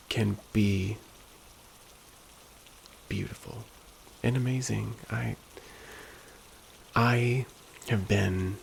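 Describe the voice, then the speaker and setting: A man speaking in a slow, soft, hushed and gentle ASMR pep talk style, at times whispery. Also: slight background noise, rough recording. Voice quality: low, very creaky. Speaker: ASMR host.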